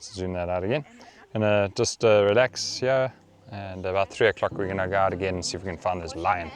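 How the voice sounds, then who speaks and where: A man's voice: sits low, steady tone, brisk. A man with a South African accent, a travel vlogger chatting casually outdoors. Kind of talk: casual vlog chat. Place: outdoors at a safari camp and waterholes.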